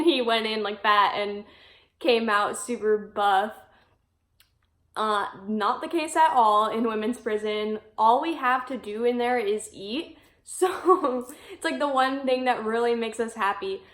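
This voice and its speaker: A woman in her twenties chatting casually to camera in a vlog, filling her talk with "like" and quick laughs. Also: medium pitch, echoey room. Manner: chatty, peppered with "like", frequent laughs. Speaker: vlogger. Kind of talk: casual talking-head vlog.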